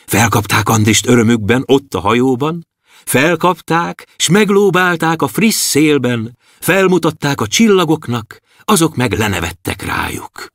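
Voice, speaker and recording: A man narrating a children's audiobook in a lively, expressive storytelling manner. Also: mid-range voice, no room sound, clean studio sound. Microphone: close studio mic.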